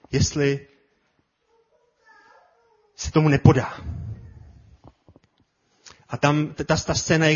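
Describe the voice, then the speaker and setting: Husky impassioned male preacher. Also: on the high side, muffled recording. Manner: impassioned, repetitive, builds to shouts. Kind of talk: sermon.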